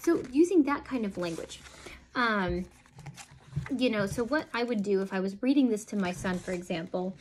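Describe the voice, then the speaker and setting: Woman in her thirties, parent demonstrating home reading lessons, slow read-aloud delivery with heavy inflection. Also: mid-range voice, lively intonation, darkish tone, a little hiss or hum. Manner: reads picture books aloud slowly with exaggerated inflection.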